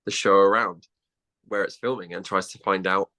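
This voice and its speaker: A man, a podcast guest chatting and telling stories in an animated way, often restarting sentences. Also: low voice, normal speed. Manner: animated storytelling with many restarts. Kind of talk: casual chat.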